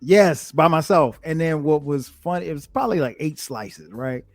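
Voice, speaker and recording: A man's voice: on the high side, animated, normal speed, no echo, studio quality. A man hosting a casual interview, speaking in a colloquial, anecdotal way. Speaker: interviewer, host.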